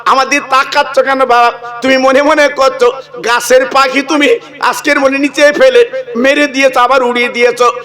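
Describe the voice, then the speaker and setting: A male preacher tells a story in a sermon and acts out the dialogue, with asides to his listeners. His voice sits very high and rings bright. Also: level tone, moderate pace.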